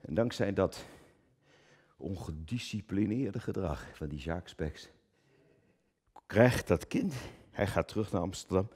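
A man performing a theatrical stage monologue, swinging from booming declamation to low muttered asides, often stammering and repeating words. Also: lively intonation, a little slow, long pauses, darkish tone, husky. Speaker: cabaret performer.

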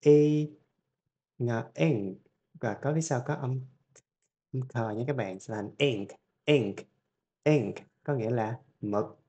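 A male teacher with a Vietnamese accent, giving a phonics lesson, repeating each sound and word slowly and patiently. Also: mid-range voice, warm tone, muffled recording. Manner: drills each sound several times, then explains it patiently. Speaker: English teacher.

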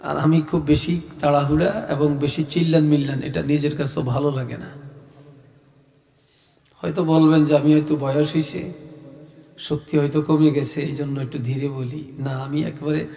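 Slow soft-spoken middle-aged preacher, echoing. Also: male voice, on the high side, flat delivery. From Bangladesh. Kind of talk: sermon at an open-air gathering. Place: open-air religious gathering. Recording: echoey reverberant public address.

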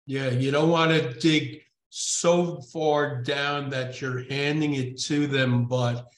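A man's voice: mid-range voice, fairly even intonation, takes it slowly, reverberant. A man hosting, adding brief agreeing remarks.

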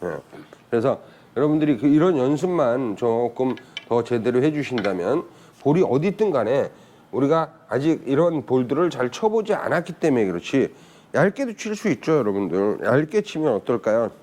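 Lively, chatty male billiards teacher. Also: medium pitch, moderate pace. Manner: chatty, asks viewers rhetorical questions. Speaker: billiards instructor. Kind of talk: casual spoken lesson.

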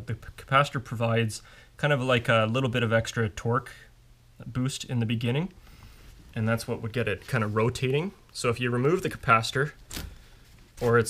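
A man with a medium-pitched, fairly bright voice works at an indoor workbench, giving a casual technical demonstration as an instructor. He explains each step informally, walking through the process one stage at a time.

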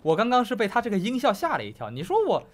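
A man's voice: high-pitched, huge pitch swings, fast. A young man commenting on a horror game for his viewers, joking, talking to them directly and insisting he is not scared. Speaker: gaming YouTuber. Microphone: headphones on, desk mic.

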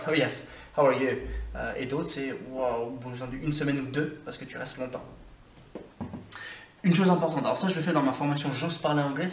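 A man's voice: medium pitch, slight background noise. A man giving a casual video lesson as an English teacher, talking straight to the viewer in an informal, coaching way. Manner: addresses the viewer directly and informally. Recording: roomy sound from a distance with faint ambience.

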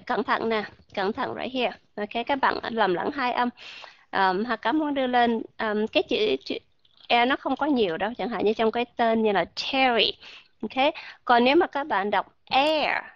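A woman teaching English pronunciation to an online class, modeling sounds slowly and asking her learners questions. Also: on the high side, no room sound, dull audio.

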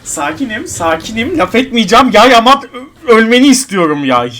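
A man's voice: very high-pitched, very animated, fairly quick, fairly bright tone, slight background noise. A man giving gameplay commentary at his computer, counting numbers under his breath and grumbling in frustration at an item. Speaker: online game streamer.

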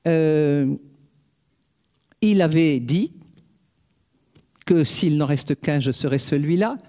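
A woman's voice: low-pitched, slow, dark tone. A woman giving an academic lecture on literature, hesitant and full of fillers, with wry asides. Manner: hesitant, with frequent "euh" fillers.

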